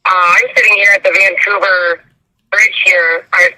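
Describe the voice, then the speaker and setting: A woman speaking earnestly and plaintively as a phone-in guest in a live interview, over a rough telephone line. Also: medium pitch, fairly even intonation, normal speed, sharp tone. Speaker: phone-in guest from a protest convoy.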